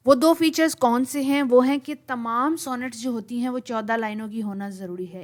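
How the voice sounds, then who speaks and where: A woman giving a lecture on poetry. She explains step by step and reads lines of verse with strongly marked stress. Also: a little high. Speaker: literature teacher.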